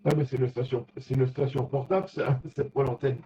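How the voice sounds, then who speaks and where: A man working amateur radio chats casually about technical topics, hesitant and often at a loss for words. He has a warm, mid-range voice delivered flatly, and the recording is the dull, lo-fi sound of a radio contact.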